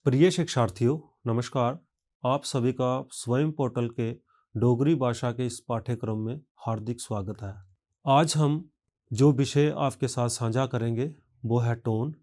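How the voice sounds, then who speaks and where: A man teaching a recorded language lesson, speaking carefully and pronouncing each example word deliberately. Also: mid-range voice, dark tone. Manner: slow, careful, measured delivery.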